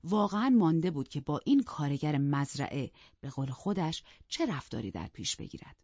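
Woman reading a novel, low husky voice, dry muffled recording. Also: dry recording. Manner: calm, even storytelling. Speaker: audiobook narrator. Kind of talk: scripted narration. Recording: dull lo-fi, dry.

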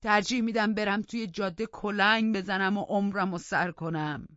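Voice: medium pitch, steady tone, fairly bright tone, no room sound, pitched above the performer's own voice, lightly acted. A narrator voicing a bitter, stubborn old male servant who grumbles and complains. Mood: aggrieved complaining. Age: older. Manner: whining, indignant complaining. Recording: dull lo-fi dry recording.

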